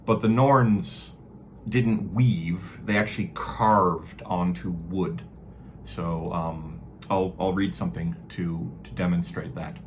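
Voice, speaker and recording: A man giving an informal explanatory lecture, talking haltingly with self-corrections and stressing key words. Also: low voice, steady tone, a little hiss or hum. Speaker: lecturer on Norse mythology. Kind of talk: informal explanatory lecture with read-aloud verse.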